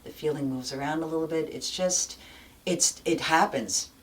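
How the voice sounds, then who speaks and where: A woman's voice: low-pitched, moderate pace. A woman hosting a talk show, explaining things candidly and checking in with "okay?" as she goes. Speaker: show host. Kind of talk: frank casual talk.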